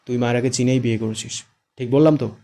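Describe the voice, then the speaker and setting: A man voicing a playful young man who teases and exclaims in quick quips, read as audiobook dialogue. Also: mid-range voice, close to an everyday voice. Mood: teasing. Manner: teasing, exclaiming, lively quips.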